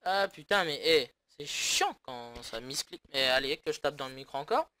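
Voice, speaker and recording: A man's voice: a little high, animated, moderate pace, sharp tone, no echo. A man from France giving sarcastic, grumbling commentary while playing a football management game. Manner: sarcastic, grumbling, swears often. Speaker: gaming YouTuber. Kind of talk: casual let's-play commentary.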